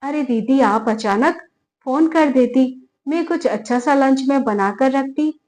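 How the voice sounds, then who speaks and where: Woman narrator putting on a loud, scolding young daughter-in-law for a storybook, high and sharp-tongued. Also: measured pace. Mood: false sweetness. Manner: shouting, scolding, threatening.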